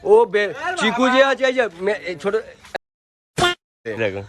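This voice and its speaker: A man's voice: high-pitched, wildly swooping pitch, a little slow, over music. A man vlogging a family Holi celebration outdoors, filming with a handheld phone and eagerly urging viewers to look. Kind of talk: casual vlog narration.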